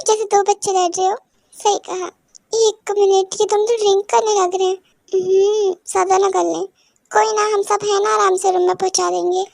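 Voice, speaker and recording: Very high-voiced woman doing a fan dub. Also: gravelly, dry recording. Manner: plays all parts in one voice. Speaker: fan dub voice actor and narrator.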